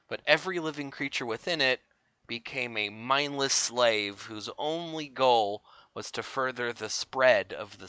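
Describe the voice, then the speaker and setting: A man voicing a gentle male creator-god who paints, speaking calmly and softly. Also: mid-range voice, no echo.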